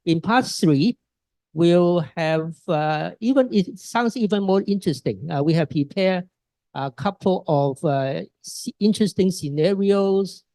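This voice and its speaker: A man's voice: sits high, animated, measured pace, dark tone, dry recording. A man moderating a panel forum, outlining the session with many hesitant fillers. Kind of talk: panel introduction.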